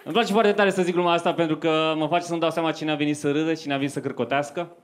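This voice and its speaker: This is a live club recording, faintly noisy, of a young man doing stand-up. Using a handheld microphone, he tells stories conversationally to the audience in a voice on the high side with a steady tone.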